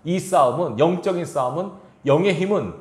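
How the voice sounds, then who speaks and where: In a reverberant sanctuary, a man with a fairly high voice and lively intonation preaches at a fairly quick pace. He reads scripture, then presses his listeners with rhetorical questions.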